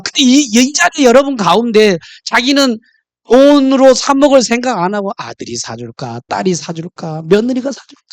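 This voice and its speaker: A man's voice: extremely high pitch, no room sound, studio quality. A man preaching a sermon in church, mixing jokes and stories into his message. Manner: humorous, storytelling. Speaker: pastor.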